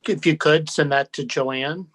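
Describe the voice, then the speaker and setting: A man chairs a town committee meeting. He speaks slowly and in a measured way, steering the discussion from one point to the next. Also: fairly high pitch, steady tone, fairly bright tone, poor audio.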